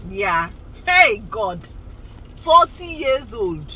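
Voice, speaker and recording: A woman's voice: on the high side, very animated, very slow, pushed and bright, slight background noise, low-quality recording. A woman in her forties, chatting casually and rambling to her vlog viewers, often laughing. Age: 40s. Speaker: vlogger. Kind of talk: casual chat to camera.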